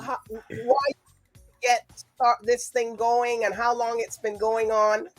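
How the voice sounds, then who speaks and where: A woman's voice: fairly high pitch, flat delivery, a little slow, soft background music. A woman hosting a casual chat show in a chatty, rambling, easily amused manner. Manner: chatty, rambling, laughs often. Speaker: show host.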